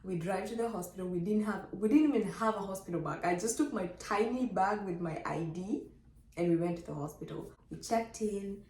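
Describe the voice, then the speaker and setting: Talking to the camera, a young woman tells her birth story with lots of energy, acting out quoted dialogue with big jumps in pitch. She speaks a little fast, the room is echoey, and there's a faint hiss or hum.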